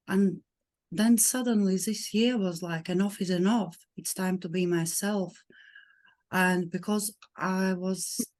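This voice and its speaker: A woman with a Latvian accent speaks at a middle pitch, introducing herself on a video call. Her delivery is earnest and searching, with pauses and restarts as she finds her words. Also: darkish tone. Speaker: participant.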